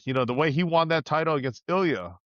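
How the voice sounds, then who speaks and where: A man's voice: a little high, lively intonation, fast talker, a bit bright, dry recording. Laid-back man on a dull, dry mic. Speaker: podcast co-host. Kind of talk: casual podcast chat.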